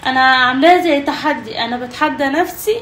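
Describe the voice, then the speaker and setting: A woman's voice: sits high, fast, a bit bright, slight background noise. A young Egyptian woman with an Egyptian Arabic accent, chatting to viewers in a casual cooking vlog from her home kitchen. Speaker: vlogger.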